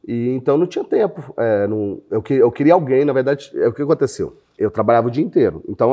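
A man's voice: medium pitch, a little mellow. A man with a Brazilian accent, a company founder chatting as a guest in a casual interview, telling his story with frequent laughs. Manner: chatty, laughs often, acts out quotes.

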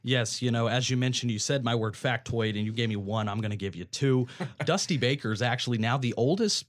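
An enthusiastic young man talks sports on a campus radio show. His voice sits at a middle pitch, and he strings stats and trivia together with eager energy. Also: fairly quick. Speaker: sports talk host. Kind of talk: casual sports talk radio.

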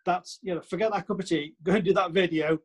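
A man's voice: sits high, fairly even intonation, quick pace, husky. A man with a Stoke-on-Trent accent chatting casually on a podcast, emphatic and repeating his points with plenty of "you know".

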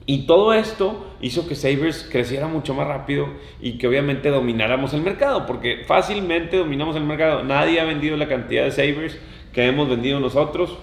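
A man's voice: a little high, a little fast, vocal fry. A man hosting a casual podcast, talking emphatically and repeating key words for stress. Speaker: podcast host. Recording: roomy echoing room.

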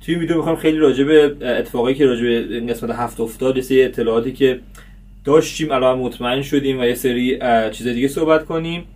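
A man's voice: medium pitch, darkish tone. A man chats through a casual episode review for his vlog. He rambles with lots of fillers, and his voice sits a little distant from the microphone. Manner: chatty, many fillers. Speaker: series reviewer host.

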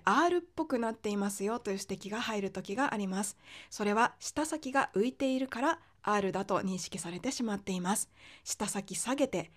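A woman teaching English pronunciation on a podcast, explaining patiently with frequent fillers and slowing down to demonstrate sounds. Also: medium pitch.

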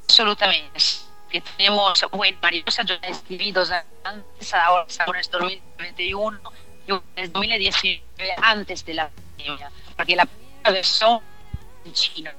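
Over faint background music, an Italian singer with an Italian accent, born in Italy, searches hesitantly for words during a radio interview. Her voice sits on the low side, bright and forceful, at a moderate pace. The recording is rough.

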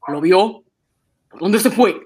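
Angry, uneasy police inspector. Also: male voice, high-pitched, slow pace, breathy edge, exaggerated voice, rough recording. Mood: threatening. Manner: barking demands, gasping unease. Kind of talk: radio drama acting.

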